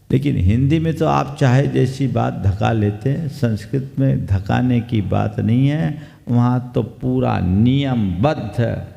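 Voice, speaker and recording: A man, a monk giving a sermon to an audience, speaking slowly like a teacher and quizzing his listeners. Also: mid-range voice, vocal fry, dark tone. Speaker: Jain monk preacher. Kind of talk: sermon discourse. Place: hall with an audience. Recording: long reverb of a hall.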